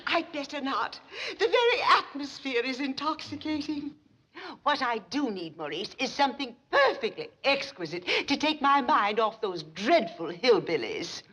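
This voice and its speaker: A woman's voice: high voice, big pitch swings, normal speed, a bit bright, husky, exaggerated voice. A woman playing a snobbish, gushing, middle-aged banker's wife in a 1960s TV sitcom, with a haughty, affected grande dame delivery. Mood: gushing, thrilled. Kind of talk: 1960s television sitcom acting. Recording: noisy old television soundtrack.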